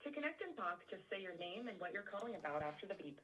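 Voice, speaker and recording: Give me a bright voicemail greeting from a woman, heard over a phone line. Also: mid-range voice, very animated, fast, heavy background noise. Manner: scripted, upbeat prompt. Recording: muffled phone audio, distant.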